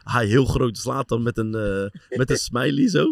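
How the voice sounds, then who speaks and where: Middle-aged guy, gravelly voice, telling football stories, gets animated and goes high when he acts stuff out. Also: measured pace, no room sound, studio quality. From Netherlands. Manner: animated storyteller, voice rises high when acting out scenes, laughs often. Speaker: former footballer and assistent coach telling stories. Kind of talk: casual anecdote telling.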